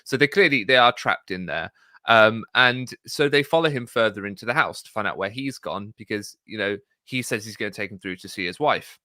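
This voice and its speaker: A man's voice: on the low side, animated, brisk, bright, forceful tone, dry recording, studio quality. A man hosting a casual discussion, talking in a thoughtful, analytical way with frequent fillers. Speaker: podcast host.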